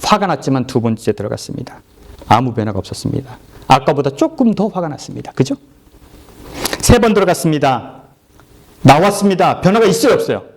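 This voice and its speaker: A man's voice: big pitch swings, a little fast, pauses often. A middle-aged man preaching a sermon as pastor, talking conversationally, asking the congregation questions and acting out characters. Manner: acts out characters in low and high voices.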